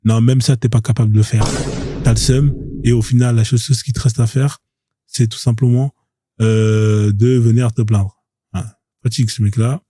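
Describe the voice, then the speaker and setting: A man's voice: mid-range voice, little pitch movement, moderate pace, mellow, dry recording. A man hosting a live stream, talking in a mocking, confrontational way, repeating his points over and over. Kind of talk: provocative live stream monologue.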